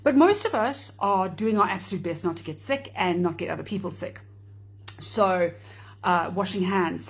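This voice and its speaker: A woman's voice: mid-range voice, slightly rough. A woman hosting a live video talk, chatting and explaining with wry asides. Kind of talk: casual talk to camera.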